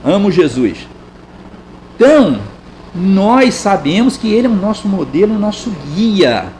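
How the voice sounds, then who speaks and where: Brazilian guy giving a talk at a spiritist center, high voice, asks the crowd questions a lot. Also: very animated, a little slow, darkish tone, a little hiss or hum, low-quality recording. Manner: conversational, rhetorical questions, frequent tag questions. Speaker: spiritist lecturer.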